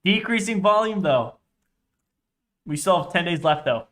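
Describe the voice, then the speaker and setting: Higher-pitched young man muttering through trades. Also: lively intonation, measured pace, fairly bright tone. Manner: restless, sweary, muttering to himself as he scans charts. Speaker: day trader livestreamer. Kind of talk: casual live trading commentary.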